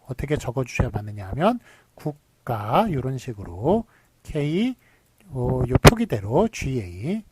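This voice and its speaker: A man's voice: on the high side, no room sound. A man giving a recorded university lecture, explaining step by step, asking rhetorical questions and using many fillers.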